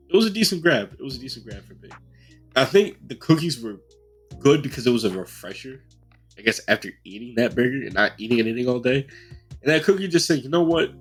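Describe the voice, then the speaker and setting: Young guy with a blocked nose, kinda husky, goofy and joking, faint music behind. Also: medium pitch. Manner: animated, joking, laughs often. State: stuffy nose, congested. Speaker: podcast co-host. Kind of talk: casual chat.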